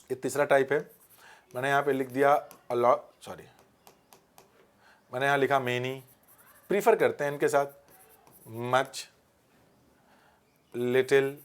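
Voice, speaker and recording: A man teaching an online grammar lesson at a whiteboard with an Indian English accent. He mixes Hindi with English examples, asks viewers to comment, and acts out little scenes to explain. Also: medium pitch.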